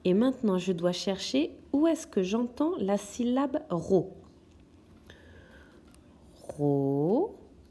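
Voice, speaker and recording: Woman, kindergarten teacher, recorded lesson, mellow tone, husky, spells out syllables. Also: mid-range voice, animated. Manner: slow, patient, sounds out words syllable by syllable. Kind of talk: recorded remote lesson for young children.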